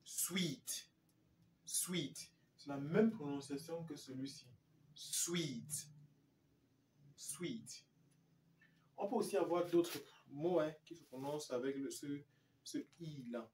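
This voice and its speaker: A man teaching English pronunciation, saying each example word slowly and then saying it again. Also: a little high, mellow, a little hiss or hum. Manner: slow, repeats each example word twice. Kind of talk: pronunciation lesson. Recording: echoey room, mic at a distance.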